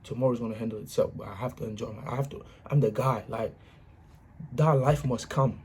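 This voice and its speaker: A man's voice: medium pitch, fairly quick, darkish tone, slightly rough. Earnest man giving a casual pep talk. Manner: earnest, repetitive, punctuates with "you know what I'm saying"; informal grammar, restarts. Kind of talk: casual motivational monologue.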